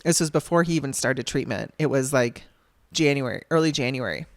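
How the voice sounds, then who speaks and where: A woman's voice: extremely low pitch, a little fast, no echo, studio quality. A woman podcast host telling a personal story in a candid, wry way, laughing through frustration and acting out the people she quotes.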